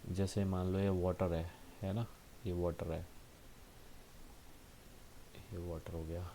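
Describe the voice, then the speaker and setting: A man teaching a school science lesson, explaining patiently with frequent tag questions and reading textbook lines slowly. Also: deep voice, little pitch movement, mellow, slight background noise. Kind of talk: classroom lesson.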